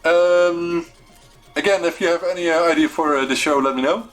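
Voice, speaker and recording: A Dutch-accented man hosts his weekly retro computing livestream without a script, speaking at normal speed in a fairly high, somewhat bright voice. He hesitates and hunts for words, and soft music plays in the background.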